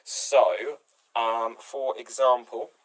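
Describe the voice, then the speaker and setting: Brief: male improv host, mid-pitched, casual and comedic, explaining games to players. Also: very slow, rough recording. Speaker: improv game show host.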